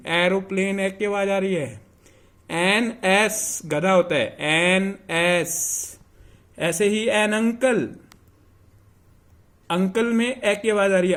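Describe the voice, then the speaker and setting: Male tutor giving a grammar lesson, unhurried delivery, drills each example word. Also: high-pitched, fairly bright tone. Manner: repeats example words slowly and deliberately; mixes English phrases into his explanation. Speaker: English grammar teacher. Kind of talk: classroom lesson explaining grammar rules.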